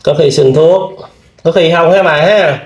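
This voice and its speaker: A man hosting a video, gently questioning an older woman with many fillers. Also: fairly high pitch, measured pace, reverberant. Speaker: vlog host interviewing. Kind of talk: casual interview.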